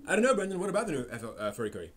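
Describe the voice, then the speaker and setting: High-pitched and very animated, this man races through his words over a slight hiss or hum. He's hosting an anime live stream, answering chat casually while restarting sentences and using lots of fillers.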